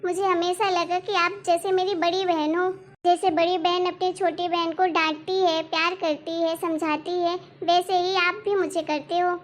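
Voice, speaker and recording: A woman voicing a gentle young pregnant second wife in a cartoon story, speaking softly and fondly. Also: extremely high pitch, little pitch movement, normal speed. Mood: affectionate. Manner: soft, affectionate.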